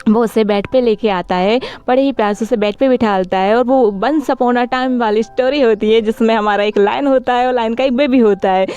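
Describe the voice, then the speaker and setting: A woman's voice: on the high side, moderate pace, few pauses, darkish tone, clean tone, lo-fi sound. A woman casually retelling a story in a chatty, rambling way, often correcting herself as she goes.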